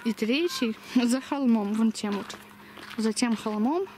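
A woman's voice: fairly high pitch, unhurried, a little mellow. A young woman with a slushy lisp, chatting casually into a handheld camera as she walks outdoors. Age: young adult. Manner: lisping, slushy sh for s. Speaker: vlogger. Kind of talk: casual chat while walking. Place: outdoors, walking along a village street. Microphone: handheld camera at arm's length. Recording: noisy outdoor camera recording.

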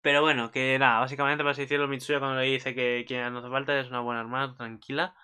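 A man's voice: medium pitch, little pitch movement, quick pace, bright, forceful tone, clear, resonant tone. A man giving a casual, rambling recap of an anime episode, swearing often and restarting his sentences. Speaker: anime commentator.

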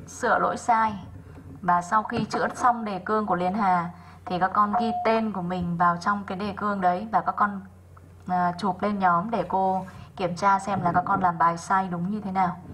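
A woman English teacher, going through worksheet answers in an online class, slowing down to sound out each example word and calling on students by name. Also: mid-range voice, fairly bright tone, a little hiss or hum, rough recording. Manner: methodical, slows down to sound out example words.

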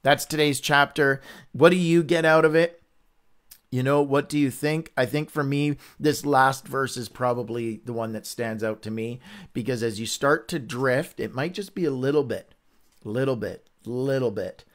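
A man with a mid-range voice and moderate pace leads a livestreamed Bible reading and discussion. His teaching is earnest, candid, and conversational, though he rambles and frequently restarts his sentences.

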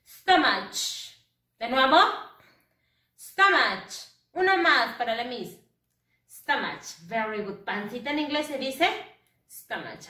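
A woman's voice: high-pitched, pushed and bright. A woman teaching English to first graders in a sing-song, coaxing way, answering her own questions in children's voices. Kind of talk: children's lesson. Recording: roomy, distant from the mic.

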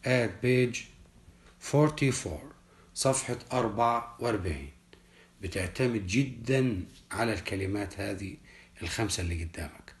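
A man, teaching a children's English lesson and explaining each word slowly and carefully. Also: lowish voice, expressive. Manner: slow, deliberate, repeats each word for children. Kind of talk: primary school English lesson, explained in Arabic.

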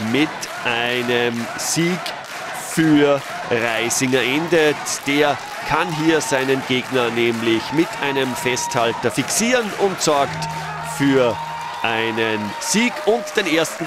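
Amid heavy background noise and a crowd cheering in a sports hall, a medium-pitched male sports commentator records match commentary as a voice-over. He stays matter-of-fact, raising his voice when key moments arrive.

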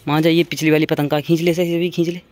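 Talking quickly in a level tone, a young man with a slightly high, darkish voice gives casual running commentary from open rooftops. The handheld outdoor recording is noisy. He keeps repeating phrases and speaks to his audience like friends.

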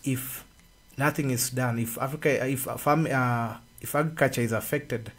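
A man, co-hosting a radio discussion and explaining at an unhurried pace with pauses and fillers, speaking into a studio microphone. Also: mid-range voice, steady tone. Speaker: radio co-host. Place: radio studio with red walls. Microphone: studio boom mic.

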